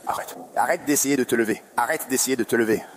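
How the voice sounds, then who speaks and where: A man's voice: medium pitch, quick pace. A male police officer giving stern commands during an arrest at an airport. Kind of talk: dubbed bodycam footage. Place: airport security area. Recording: clear background noise and clicks.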